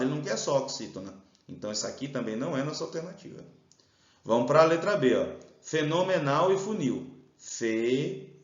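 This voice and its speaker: A Brazilian male teacher works through an exam-prep grammar lesson, explaining each step and drawing out the stressed syllables. His voice sounds roomy and slightly dull. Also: on the high side. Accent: Brazilian Portuguese.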